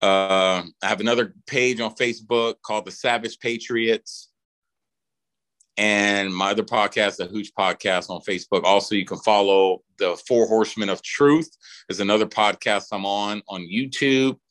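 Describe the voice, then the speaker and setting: A man with a somewhat low voice chats loosely as a podcast guest. He rambles and circles back with fillers and restarts, middle-aged and relaxed in delivery. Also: moderate pace. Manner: rambling, drawling talk with frequent fillers and restarts. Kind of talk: casual podcast chat.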